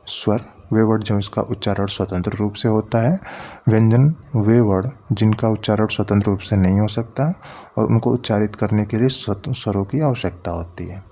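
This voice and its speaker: A man teaching a grammar lesson, patiently explaining step by step and sounding out letters slowly. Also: lowish voice, fairly even intonation, warm tone.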